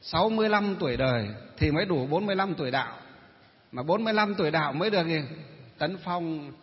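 Speaking quickly with a slightly high pitch and lively intonation, a male Buddhist monk with a Northern Vietnamese accent gives a dharma talk. He raises rhetorical questions and answers them himself, and the sound is muffled and dull in a reverberant hall.

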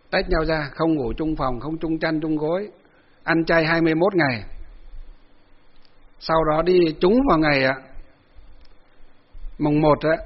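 Husky-voiced monk preaching. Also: male voice, on the high side, muffled recording. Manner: folksy, many fillers, acts out quoted dialogue. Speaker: Buddhist monk giving a dharma talk. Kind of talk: sermon storytelling.

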